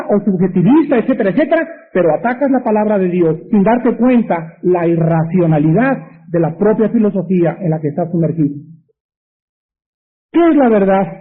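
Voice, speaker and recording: A Mexican pastor preaches a sermon in a strikingly high voice, pressing his points with emphatic rhetorical questions. The audio is thin and narrow, like it's coming over a phone line.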